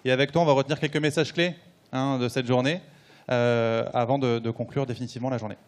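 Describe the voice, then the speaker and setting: A man's voice: mid-range voice, fairly even intonation, fast. Tired, stumbling conference moderator, man. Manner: hesitant, stumbling over words.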